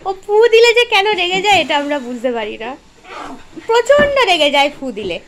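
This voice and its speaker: A woman's voice: sits high, sing-song, brisk, fairly bright tone, slight background noise. A woman filming her dog at a family home, coaxing and teasing it and talking to it like a child. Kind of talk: casual chat to her dog.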